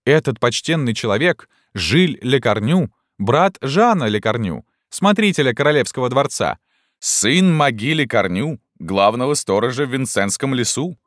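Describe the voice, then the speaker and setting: A man's voice: mid-range voice, expressive, normal speed, no echo, clean studio sound, pitched above the performer's own voice, natural voice. A man voicing a cheeky young male student who taunts the crowd in a raised, mocking voice. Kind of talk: audiobook character voice.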